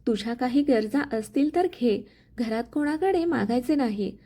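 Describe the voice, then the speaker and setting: A woman voicing a kind, protective young husband in a spoken family story, talking calmly and gently. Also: on the high side, moderate pace, natural voice. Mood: calm tender. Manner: calm, gentle.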